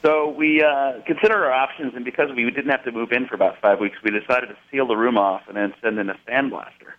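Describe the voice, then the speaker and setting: A man calling in to a radio show over a phone line, speaking in a friendly but halting way with many pauses. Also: mid-range voice.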